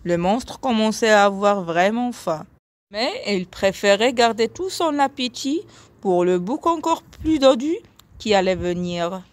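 Slow, expressive woman storyteller. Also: medium pitch. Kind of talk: scripted narration of a children's tale.

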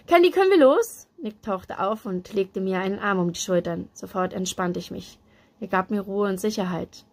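A woman reading a novel aloud in steady, even storytelling narration. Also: medium pitch, normal speed, vocal fry. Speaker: book reader.

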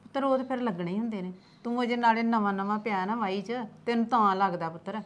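A woman plays a practical Punjabi village mother with a Punjabi accent. She talks briskly and soothingly, calling her son "puttar" as she reassures him. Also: medium pitch, natural voice. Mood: reassuring. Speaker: mother of the farmer.

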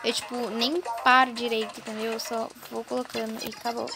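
A high, chatty female voice running through casual gameplay commentary, excitable and always turning to her viewers. She records without her usual microphone, over loud game music behind her. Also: fairly quick, gravelly. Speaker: gaming channel host.

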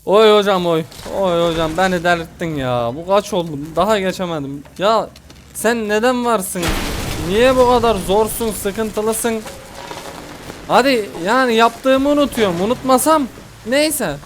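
A young man commentating a horror game let's play, panicky and exasperated, pleading and yelling at the monster chasing him. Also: sits high, unhurried, a little hiss or hum. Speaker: gaming YouTuber.

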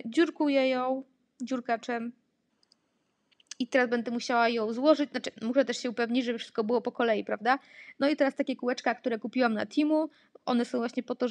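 A woman giving a casual voice-over for a craft tutorial, explaining how she makes reading materials for a child she teaches, with many fillers and pauses. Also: fairly high pitch, no room sound. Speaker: therapist making reading materials.

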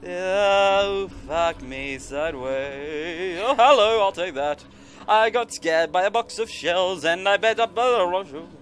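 Unhurried yet lively in intonation, his high-pitched, fairly bright voice carries a little hiss or hum. He streams a horror game against game music, offering casual, profane let's-play commentary that's jumpy, fearful, sarcastic and heavy on swearing.

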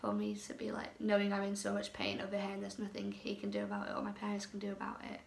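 Young woman talking softly with gravelly creak. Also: medium pitch, monotone, fast talker. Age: young adult. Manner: soft, often whispering, emotional. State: tearful. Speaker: vlogger. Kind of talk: tearful story-time vlog. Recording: echoey room with faint noise.

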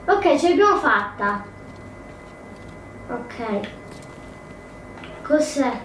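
Very slow and sing-song, with a high, slightly bright voice, a woman talks through her gameplay in a casual let's play. She muses aloud, hesitating and correcting herself often. The mic is distant, the room roomy, the noise faint.

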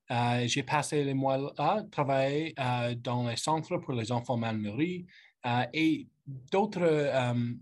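A man in his thirties with an English-speaking Canadian accent, whose first language is English, gives a formal welcome speech as a politician hosting a youth panel. His medium-pitched delivery is halting, with frequent pauses as he searches for words in his second language. He's recorded on a webcam during a video call from an indoor office with a lamp and bookshelf.

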